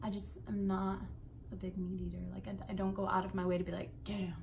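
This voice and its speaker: Speaking a little fast with vocal fry, this young woman has a medium-pitched, slightly mellow voice that stays fairly flat in pitch. She's a vlogger talking to camera in her bedroom, loose and rambling, cursing and drifting into asides, with a faint hiss or hum under the audio.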